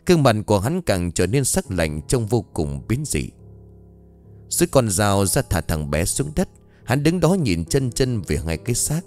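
A male narrator reads a dark horror story in an expressive, dramatic manner. His pitch moves about in a lively way, and faint music plays underneath. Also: unhurried. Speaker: audiobook narrator.

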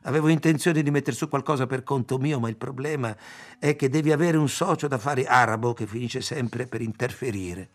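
A man's voice: medium pitch, fairly quick, natural voice. A man reading aloud as a self-assured young man who boasts about business schemes. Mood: boastful.

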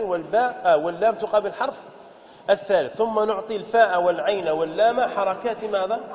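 A man teaching a classroom lesson step by step, repeating points, quizzing his listeners and slowing down to spell out pattern words. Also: high-pitched. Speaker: sheikh teaching Arabic morphology. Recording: dull, echoey hall with faint noise.

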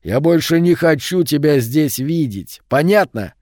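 A man's voice: a little high, expressive, no room sound, clean studio sound, pitched above the performer's own voice. A man voicing a menacing hulking teen bully. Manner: slow, loud, mocking threats.

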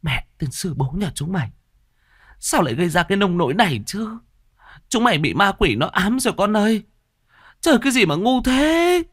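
A man voicing a frantic middle-aged mother in a ghost story, shrill, pleading and scolding. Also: sing-song, brisk, long pauses, a bit bright. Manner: shrill, pleading, then cursing. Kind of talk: storybook character voice.

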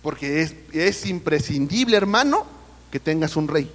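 A man's voice: a little high, animated, moderate pace, in a large hall. A Mexican man preaching a sermon with a Mexican Spanish accent, calling his listeners brother and putting questions to the congregation. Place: church service.

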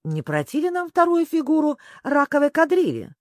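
A storybook reader voicing a fussy, excitable male griffin who grumbles. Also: sits high, moderate pace, no room sound, clean studio sound, pitched above the performer's own voice.

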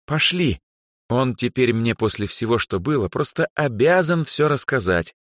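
A man voicing a shy but proud young dark elf girl in an audiobook, talking hesitantly, then haughtily, in a much higher voice. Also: expressive, normal speed, no echo, clean studio sound, natural voice.

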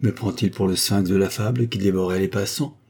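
A man's voice: low-pitched, steady tone, fairly quick, darkish tone, husky. A man voicing a confident, mocking young woman in a storybook reading, with a teasing, ironic manner.

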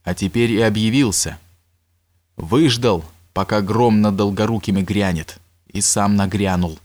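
A man reading an audiobook, voicing a gruff male court favorite who speaks curtly and irritably. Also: on the low side, measured pace, darkish tone, natural voice. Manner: curt, irritable, mocking.

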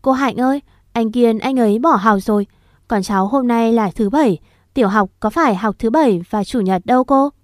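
A woman's voice: a little high, no room sound, studio quality, lightly acted. A woman voicing a whiny little village girl who tattles and cries easily. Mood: pleading. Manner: pleading, quick to cry.

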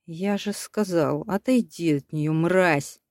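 A woman's voice: mid-range voice, expressive, measured pace, a little mellow, no room sound, studio quality. A woman voicing a hard-faced armed man who speaks in a clipped, threatening way in an audiobook. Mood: cold.

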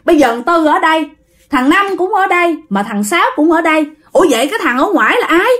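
A woman's voice: very high-pitched, animated, fast talker, a bit bright, pitched above the performer's own voice. A woman with a Southern Vietnamese accent voicing a protective eldest sister who talks in a soothing yet bossy big-sister tone. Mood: coaxing, puzzled. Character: brave protective eldest sister, coaxing then fierce.

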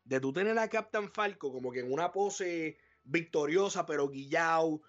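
A man co-hosting a live podcast, animated and profane, acting out his reactions. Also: fairly high pitch, moderate pace, muffled recording. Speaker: podcast co-host. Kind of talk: casual live podcast chat.

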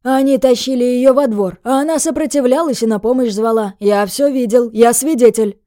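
A woman voicing a fussy, eager older male bystander who talks loudly and in a hurry. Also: on the high side, no room sound, studio quality, voice pushed up, natural voice. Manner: loud, hurried.

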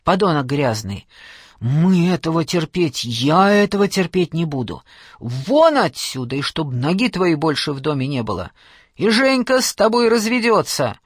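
A man's voice: sing-song, moderate pace, breathy edge, no echo, clean studio sound. A man reading an audiobook, voicing a domineering older aunt who screams abuse at her family. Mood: furious screaming. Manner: screaming, abusive, shrill outbursts. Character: shrieking furious older aunt, domineering woman.

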